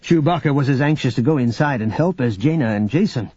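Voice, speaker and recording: A man narrating an audiobook in scripted narration, with even, measured storytelling. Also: medium pitch, husky, no echo. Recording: dull audio with faint background music.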